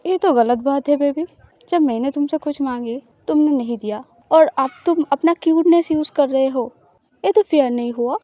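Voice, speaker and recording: A woman's voice: sits high, normal speed, warm tone, no echo, close to an everyday voice. A woman voicing a teasing, possessive young woman lover in an audio love story.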